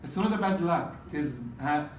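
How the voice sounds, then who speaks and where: In an echoing classroom recorded from afar, with faint underlying noise, a man teaches exam preparation at normal speed. His voice is a little high for a man and expressive, delivered in loose spoken bursts. He tends to repeat himself and checks whether students follow with "okay?"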